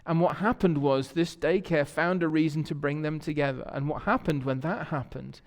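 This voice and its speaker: Speaking at a normal speed with a steady tone, this man has a slightly high voice. As a pastor in a church sanctuary, he preaches a conversational sermon full of warm stories, frequently repeating words as he hunts for what comes next, with church hall reverb around him.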